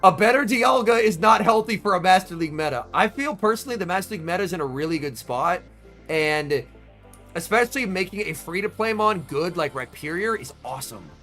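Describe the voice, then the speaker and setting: At a tournament watch party, a young man who is a bit unwell streams live, chatting excitably and replying to viewers by name. He speaks in a high voice at a brisk pace over faint background music.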